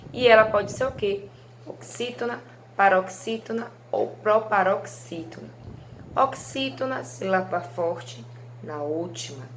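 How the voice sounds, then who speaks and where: A woman's voice: medium pitch, a little hiss or hum. A woman teaching a recorded video lesson to young pupils, affectionate, stretching out stressed syllables and checking in often with "né?" and "certo?". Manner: frequent tag questions like "né?" and "certo?". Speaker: primary school teacher.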